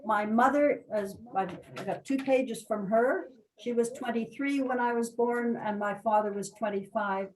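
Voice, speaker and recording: Older woman, reflective halting storytelling, video call, fairly high voice. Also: darkish tone, far from the mic, rough recording. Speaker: workshop participant. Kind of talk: personal storytelling.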